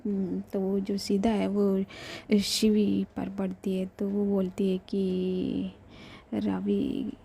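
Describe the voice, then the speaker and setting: A young woman telling a love story in a hushed, intimate whisper with chatty asides to viewers. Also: mid-range voice, completely flat delivery, slow, vocal fry, a little hiss or hum.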